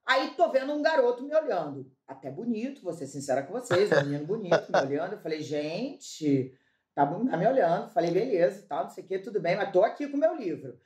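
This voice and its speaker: A woman from Brazil telling a comic story as a talk-show guest, acting out the dialogue with lively energy. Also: medium pitch, brisk, echoey room. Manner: animated, acts out quoted dialogue, laughs while telling.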